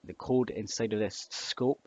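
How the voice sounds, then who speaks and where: A young man talks through a coding tutorial in an unhurried, low-pitched voice, stumbling over fillers and restarting his sentences. The recording is dull and lo-fi, with keyboard typing and mouse clicks underneath. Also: fairly even intonation, darkish tone. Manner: hesitant, rambling with many fillers and restarts. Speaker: scripting tutor.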